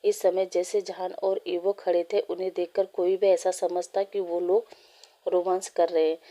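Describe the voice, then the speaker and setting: A woman reading a fan story aloud, in a steady, plain way with small slips. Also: lowish voice, normal speed.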